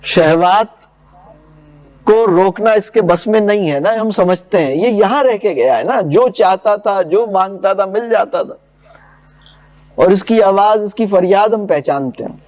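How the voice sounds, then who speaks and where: A man giving a lecture on classical poetry. He recites verses slowly and solemnly, then explains them in quick, conversational asides and checks whether his listeners follow. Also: high voice, animated, a little mellow. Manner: asks listeners whether the point is clear.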